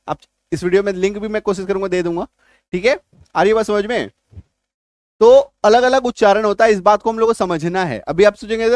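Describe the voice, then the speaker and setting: A man with a fairly high voice gives an English reading lesson with a Hindi accent. He spells words letter by letter and keeps checking in with his students. The sound is dry and close, with almost no room echo. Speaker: English teacher. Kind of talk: classroom-style video lesson.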